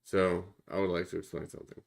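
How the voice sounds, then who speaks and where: A man with a very low, deep voice chats casually as a podcast co-host. He rambles, swears freely and restarts his sentences often. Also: completely flat delivery, fast talker, gravelly. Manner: rambling, profane, many restarts. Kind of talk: casual chat.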